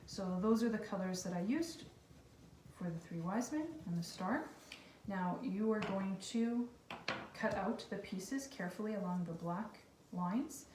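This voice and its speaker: This kindergarten teacher has a medium-pitched voice and an unhurried pace. She walks young children through a casual craft activity with simple, comforting step-by-step guidance. The recording has room echo, a distant mic and faint noise.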